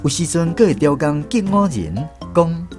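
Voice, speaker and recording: Over a music bed of instrumental music, a man with a Taiwanese accent narrates in the first person as a reflective film director recalling his memories in a scripted radio drama. His voice is on the high side and animated, at a moderate pace, with a lightly acted delivery.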